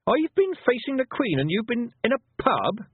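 A man's voice: sits high, wildly swooping pitch, moderate pace, breathy edge, dry recording, narrow, tinny audio, pitched above the performer's own voice, exaggerated voice. A man voicing an earnest young girl, questioning and indignant, in a storybook reading. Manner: questioning, reproachful.

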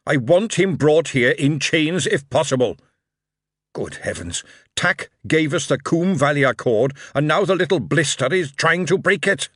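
A man's voice: medium pitch, no echo, clean studio sound, voice pushed up. A man voicing a raging, commanding dwarf king. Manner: loud, declaiming, indignant. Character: furious male dwarf king, commanding and righteous.

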